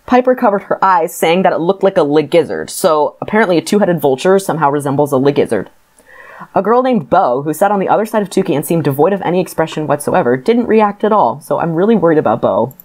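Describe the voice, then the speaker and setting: Low-voiced sardonic woman recapping a book. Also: expressive, fast, darkish tone. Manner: sardonic, lots of fillers. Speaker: podcast co-host.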